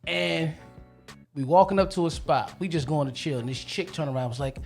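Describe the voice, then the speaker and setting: A man's voice: a little high, a little fast, gravelly, faint music behind. A man with a New Jersey accent, a DJ guest telling stories in casual podcast chat. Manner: storytelling, lively.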